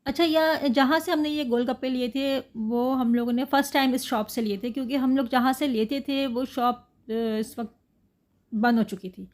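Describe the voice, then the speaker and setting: A woman's voice: a little high, darkish tone. A woman, narrating her family vlog chattily and talking to her viewers. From Pakistan. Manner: chatty, laughs often, addresses viewers. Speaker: vlogger.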